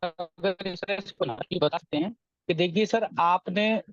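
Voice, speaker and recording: Halting man on a video call, glitchy audio that keeps dropping, dull muffled sound. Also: high-pitched. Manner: hesitant, halting, with many fillers. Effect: corrupted, glitchy audio cutting in and out. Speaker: sales trainee on a group call. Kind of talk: casual call answer.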